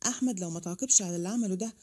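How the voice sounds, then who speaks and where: Angry egyptian dad barking orders, woman reading him, fast and husky. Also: medium pitch, mellow, voice pushed down, natural voice. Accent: Egyptian Arabic. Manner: angry and commanding. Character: harsh, hot-tempered middle-aged father.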